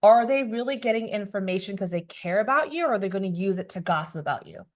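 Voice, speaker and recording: A woman's voice: mid-range voice, lively intonation, quick pace. A woman hosting a podcast in casual chat, talking emphatically and acting out the people she quotes. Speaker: podcast host.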